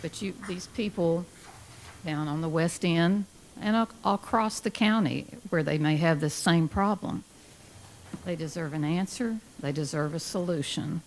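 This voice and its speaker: A woman's voice: lowish voice, unhurried, a little hiss or hum, poor audio. A woman giving a public comment in a blunt, insistent manner. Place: indoor public meeting room.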